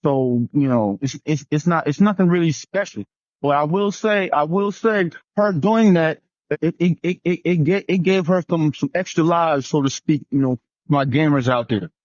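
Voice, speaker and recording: A man's voice: a little high, normal speed, a little mellow, no room sound, dull audio. A man on a relationship panel, talking casually and rambling, often repeating himself. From New Jersey.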